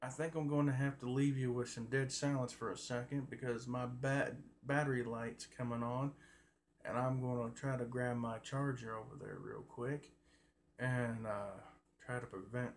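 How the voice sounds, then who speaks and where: A livestream host rambles casually to his viewers into a phone, talking in a folksy, colloquial way. His mid-range voice has fairly even intonation and a moderate pace. The phone recording is noisy, with background ambience.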